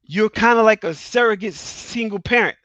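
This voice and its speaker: A man's voice: high voice, moderate pace, fairly bright tone, dry recording. A middle-aged man hosting an interview, speaking earnestly and testifying from his own life with emphatic repeats. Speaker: host. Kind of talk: casual interview talk. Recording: dry, slightly dull sound.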